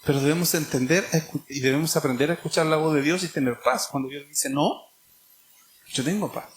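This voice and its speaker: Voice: medium pitch, a little fast. Emphatic Chilean preacher. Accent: Chilean Spanish. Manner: emphatic, repetitive, rhetorical questions. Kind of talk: sermon.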